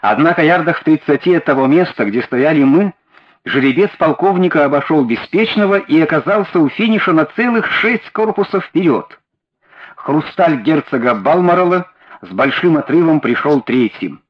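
A man narrating a classic detective story as an audiobook, with an expressive, varied delivery. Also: on the high side, moderate pace, husky, highs cut off.

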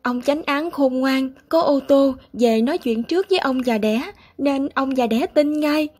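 A woman's voice: sits high, measured pace, a little mellow. A woman voicing a pleading tearful young man. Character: anxious young male student, pleading and tearful.

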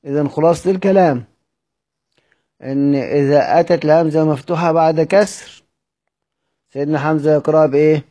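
Egyptian guy teaching recitation, slightly high voice, reads the text then explains it casually, keeps asking questions. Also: dark tone. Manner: slowly spells out word examples. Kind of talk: explaining a classical text in a lesson.

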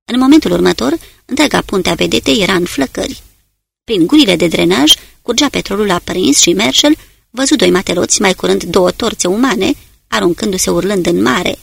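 A narrator reading a war novel aloud in a steady storytelling delivery. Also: mid-range voice, creaky, a little hiss or hum. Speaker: audiobook narrator. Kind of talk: dramatic audiobook narration.

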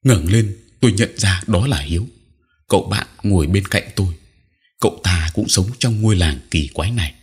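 Low husky male narrator, steady scripted storytelling. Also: moderate pace.

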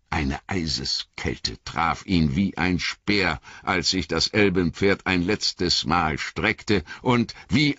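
A deep, husky man reads the story aloud slowly and dramatically, his pitch rising and falling widely. The recording is dry and dull, with no room sound. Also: a bit bright, dry recording. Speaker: audiobook narrator. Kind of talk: scripted narration.

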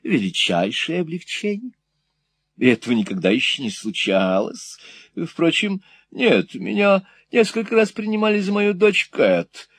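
A man's voice: a little high, sing-song, measured pace, no echo, voice pushed up. Mrs. Nickleby, fussy rambling mother, a man putting her on. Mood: prim. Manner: long-winded, prim, flustered. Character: fussy, rambling middle-aged widowed mother, self-important. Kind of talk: audiobook character voice.

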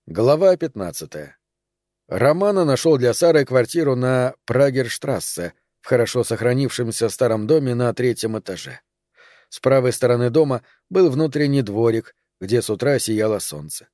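A man reading a novel aloud in measured, even narration. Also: mid-range voice, dry recording, studio quality. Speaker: audiobook reader. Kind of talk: scripted narration.

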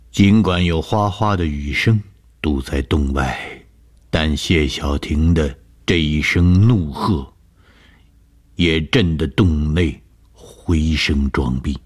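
Deep deep voiced guy reading a spooky story on the radio, slow and husky. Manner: slow, measured, dramatic reading.

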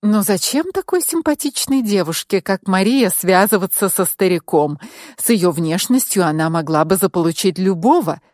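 A woman's voice: medium pitch, expressive, normal speed, darkish tone, no room sound, studio quality, close to an everyday voice. A woman voicing a practical, skeptical female friend who makes plain, doubtful remarks in an audiobook.

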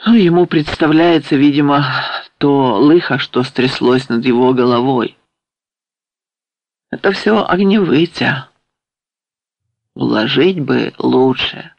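A man's voice: mid-range voice, takes it slowly, creaky, pauses often, no echo. A man voicing a firm old village grandfather. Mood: grave, firm.

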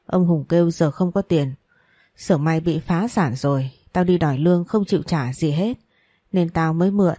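A woman's voice: on the low side, normal speed, warm tone, no echo, clean studio sound, lightly acted. A woman voicing a desperate young woman worker who pleads urgently for her wages. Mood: pleading.

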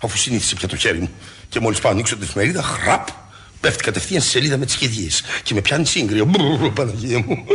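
A man's voice: medium pitch, expressive, a bit bright, husky. An actor in his forties playing an anxious hypochondriac husband in a 1960s radio play, fretful and comic. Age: 40s.

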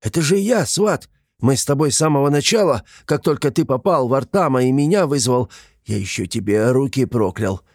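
A man voicing a small, simple-hearted male creature who talks in an excitable, touchy way, reading an audiobook. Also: no echo, clean studio sound, natural voice. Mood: excited. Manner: squeaky, excitable, quick to take offense.

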